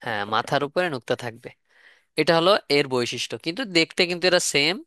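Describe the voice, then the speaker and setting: A man's voice: a little high, quick pace, bright, forceful tone, clean tone, dry recording, studio quality. A man teaching Quran letter pronunciation in a live online class, repeating questions and asking students to respond.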